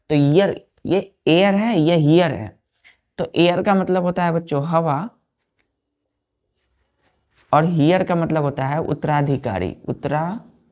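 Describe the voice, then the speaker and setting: A woman teaching a vocabulary lesson, repeating words slowly and checking that the children follow, with an Indian English accent on the English words. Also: sits low, a little mellow. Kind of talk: vocabulary lesson, explaining word by word.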